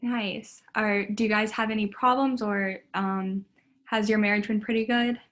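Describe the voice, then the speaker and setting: A woman's voice: mid-range voice, steady tone, unhurried, fairly bright tone. A young woman running a student clinical interview, friendly and tentative, with frequent ums.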